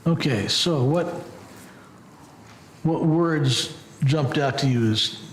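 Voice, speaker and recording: A man's voice: medium pitch, takes it slowly. A man leading a group Bible study in a conversational way, with restarts. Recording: echoey room with faint hiss.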